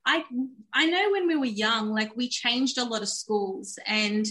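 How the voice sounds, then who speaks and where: An Australian woman whose language is Turkish tells her life story candidly as a podcast interview guest, earnest and reflective. Her fairly high voice has lively intonation and a sharp tone, and she keeps a measured pace.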